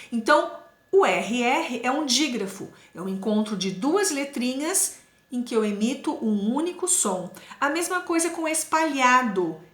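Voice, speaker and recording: A woman teaching a primary school class, explaining slowly and carefully and repeating sounds for children. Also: fairly high pitch, fairly bright tone, reverberant.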